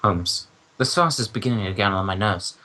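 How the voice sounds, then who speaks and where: An actor playing a stuffy gentleman doctor, a detective's loyal companion, in an old-time radio drama with a proper, grumbling manner. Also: on the low side, normal speed. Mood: grumbling, uneasy.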